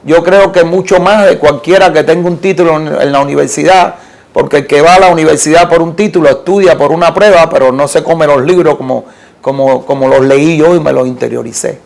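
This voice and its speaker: A man from Cuba with a Cuban Spanish accent, telling an animated story as an interview guest, with halting restarts and repeated words. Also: a little high, creaky. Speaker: interview guest, art collector.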